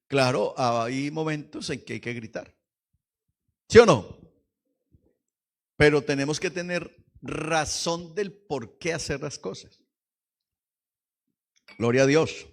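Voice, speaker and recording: A man preaching a lively Pentecostal sermon in church, swinging from hushed asides to shouts and quizzing the congregation. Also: a little high, takes it slowly, creaky, long pauses. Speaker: pastor.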